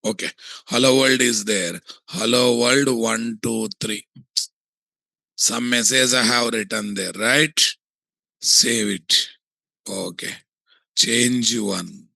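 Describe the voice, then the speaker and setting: A man with a Telugu Indian English accent giving a software tutorial, thinking aloud and often asking questions that he answers himself. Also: mid-range voice, steady tone, slow, vocal fry, pauses often, dry recording, low-quality recording. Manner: asks and answers his own checking questions.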